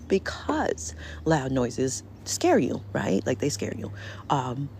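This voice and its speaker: A woman telling her story in a casual vlog from home, halting with many restarts and often dropping to near whispers. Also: very deep voice, big pitch swings, a little mellow, slight background noise. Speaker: vlogger. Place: indoors at home.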